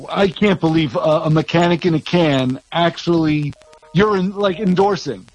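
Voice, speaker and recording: A man calling in to a radio talk show over a muffled phone line that makes him sound underwater, chatty and quick to laugh. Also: a little high. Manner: chatty, laughs easily, incredulous reactions. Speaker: co-host calling in. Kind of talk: casual radio banter.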